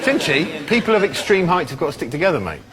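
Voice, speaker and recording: Panel-show host, teasing and cheeky, animated fairly high voice, loud studio crowd laughing behind. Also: male voice, fast. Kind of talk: quiz host banter. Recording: noisy studio with audience laughter.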